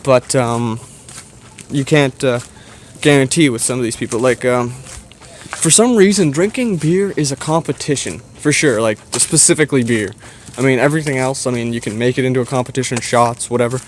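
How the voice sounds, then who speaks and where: A Canadian man talks casually to his viewers as a vlogger. He meanders and hesitates through his thoughts at a mid-range pitch. Faint outdoor noise sits behind his voice. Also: moderate pace. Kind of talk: casual rambling chat to viewers.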